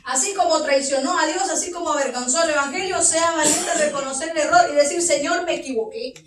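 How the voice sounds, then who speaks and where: A woman pastor preaches with fervor, her high voice rising into tearful outcries. She sounds distant from the microphone. Her voice rings through a roomy church hall. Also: quick pace, background noise. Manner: fervent, rising to tearful cries. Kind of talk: impassioned sermon.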